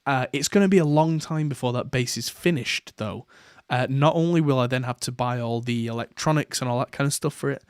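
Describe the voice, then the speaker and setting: A man chats through a podcast segment in a relaxed, rambling way, with lots of "uh"s and restarts. His voice sits in a middle pitch. The sound is dry and close, with no room around it. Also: a little fast, hardly any pauses, smooth, no room sound. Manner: rambling, with many fillers and restarts. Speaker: podcast host. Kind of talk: casual chat.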